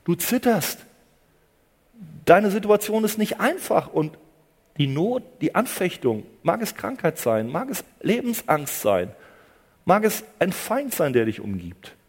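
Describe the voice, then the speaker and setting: A man preaching a sermon with a dramatic delivery, dropping to hushed low phrases and rising to loud emphatic cries, and repeating phrases for emphasis. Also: very animated, a little slow, slightly rough, big-room sound.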